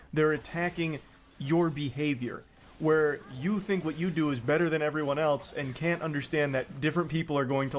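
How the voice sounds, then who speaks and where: A man's voice: a little high, slight background noise. A man reading online comment threads aloud and mocking them sarcastically, swearing freely. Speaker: commentary host.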